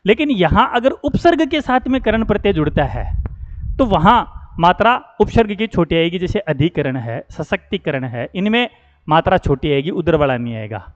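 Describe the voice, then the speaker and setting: High-voiced man teaching in a reverberant room. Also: sing-song, normal speed. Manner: explanatory, repeats key words, asks "है ना". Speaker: Hindi grammar teacher. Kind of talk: spelling lesson. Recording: dull lo-fi sound with long reverb.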